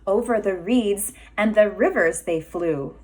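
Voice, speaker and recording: Reading a storybook aloud to children, a woman kindergarten teacher sounds expressive, deliberate, and emphatic, stopping now and then for questions. Her voice is mid-range and a little mellow.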